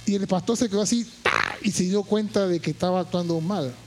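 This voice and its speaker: A man preaching a sermon, moving from quiet storytelling to shouted, impassioned high points and repeating phrases for emphasis. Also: fairly quick. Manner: repeats words and phrases while telling a story.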